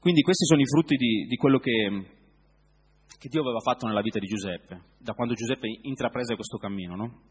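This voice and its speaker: A man preaching a sermon in a reflective way, often pausing to search for words. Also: mid-range voice, a little mellow, breathy edge, long reverb tail.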